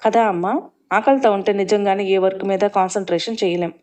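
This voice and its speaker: A woman's voice: medium pitch, steady tone, fairly quick, a little mellow, close to an everyday voice. A woman doing a stubborn caring young son. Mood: persuading. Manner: insistent, pleading.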